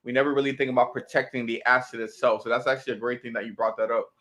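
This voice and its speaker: A man's voice: medium pitch, fairly even intonation, racing, a bit bright. A man hosting a casual interview show. He speaks in an easygoing way and pads his questions with "um" as he goes. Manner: easygoing, many "um" fillers. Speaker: host.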